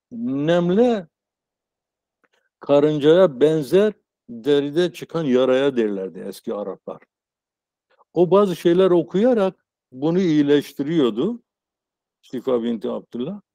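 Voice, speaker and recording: A man in his sixties giving an informal academic lecture as a professor, explaining haltingly on a video call. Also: on the high side, warm tone, dry recording, studio quality. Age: 60s. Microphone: earphone headset on a video call.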